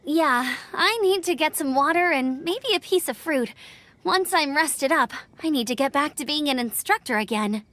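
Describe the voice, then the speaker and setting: Amber, energetic young scout. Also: female voice, high voice, no room sound. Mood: tired. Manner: energetic, cheerful, quick. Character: spirited young female scout and instructor, upbeat. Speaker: game character. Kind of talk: video game voice acting.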